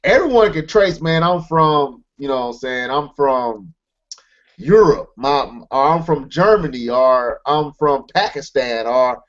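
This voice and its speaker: A man's voice: medium pitch, lively intonation, a little slow, muffled recording. A man co-hosting a podcast, talking earnestly and emphatically in casual chat, circling back with restarts. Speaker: podcast co-host.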